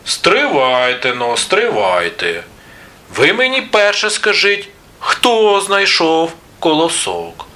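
A patient, hardworking rooster calls out in a raised, bright storybook voice, as a man acts him. His lines leap up and down with lively, sing-song swings. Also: on the high side, takes it slowly, voice pushed up, exaggerated voice. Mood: questioning. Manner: calling out, coaxing.

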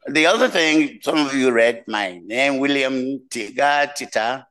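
An older man from Nigeria and Cameroon with a mixed West African accent, giving a slow, humorous keynote speech from a podium in a lecture room. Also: mid-range voice, a bit bright, low-quality recording. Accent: West African, mixed from many languages. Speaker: keynote speaker, professor. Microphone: podium mic.

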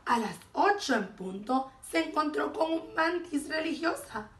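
A woman's voice: high voice, unhurried. Woman teacher reading a storybook aloud. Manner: expressive bilingual storytelling. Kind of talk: reading a picture book aloud. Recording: echoey room, voice from far off.

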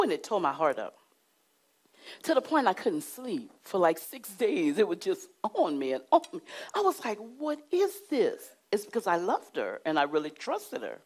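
A middle-aged woman delivers a sermon from a church studio, her voice swinging widely in pitch. She preaches emphatically, with dramatic pauses and drops to a hushed tone. She is recorded close on a lapel mic. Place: church studio with curtain backdrop.

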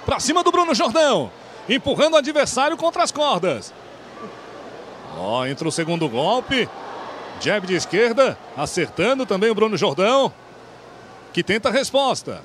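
A man doing live boxing play-by-play commentary in an excited, projected voice. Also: high voice, moderate pace, slight background noise.

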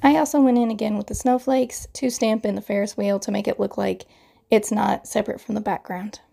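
A woman's voice: medium pitch, steady tone, brisk, gravelly, warm tone, soft background music. A woman in her thirties with a crackly morning voice, chattily narrating a card-making tutorial voiceover and explaining each step.

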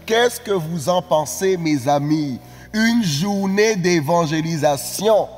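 A man with a high voice preaches a live-streamed sermon, exclaiming and repeating phrases as he builds toward shouted appeals. His voice rings with a long reverb, and soft music plays underneath. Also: lively intonation, slow pace. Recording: reverberant room with faint music.

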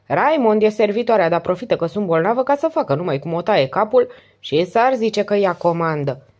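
A woman voicing a hoarse, sickly innkeeper woman. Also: medium pitch, animated, darkish tone, voice pushed up, natural voice. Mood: exasperated. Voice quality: hoarse, whining. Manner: querulous, self-pitying. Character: sick hoarse middle-aged female innkeeper, complaining. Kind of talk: audiobook character voice.

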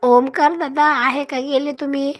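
A woman with a Marathi accent, hoarse from a cough, hosting a casual live stream and greeting and thanking her viewers by name. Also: sits high, steady tone, moderate pace.

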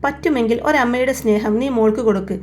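A woman voicing an older grandfather who speaks in a calm, earnest and reproachful way. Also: extremely high pitch, fast talker, slight background noise. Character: grieving grandfather, older man, gently reproachful.

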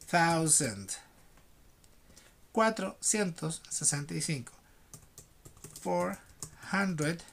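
A man teaching an English class online, switching between slow dictation of numbers and quick explanations. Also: fairly high pitch, a bit bright, slight background noise.

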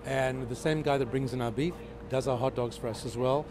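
A man's voice: medium pitch, steady tone, brisk, crowd noise. Upbeat man restaurant owner, busy street behind. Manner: upbeat, enthusiastic salesman. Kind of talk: casual interview. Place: small restaurant with street noise.

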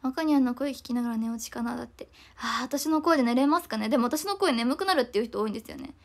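Young woman, rapid casual livestream chat, fairly high voice. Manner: fast, chatty, frequent apologies. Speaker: idol livestreamer reading comments.

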